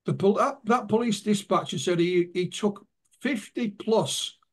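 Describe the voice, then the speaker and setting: Speaking at a measured pace in a high voice, this man is interviewed as an author. His storytelling mixes personal anecdotes with what witnesses recounted to him.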